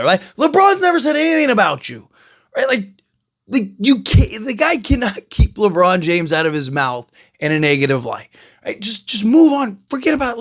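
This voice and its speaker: High-pitched male vlog host, exasperated rambling sports opinion rant. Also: a bit bright. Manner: exasperated, rambling, heavy fillers. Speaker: channel host.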